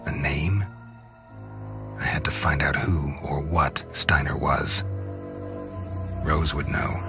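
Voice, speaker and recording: An actor voices a brooding, grave male vampire in a video game who hunts for life-saving blood, delivering scripted first-person noir narration and game dialogue. His bass voice is exaggerated, slow, and grim, with little pitch movement, over background music.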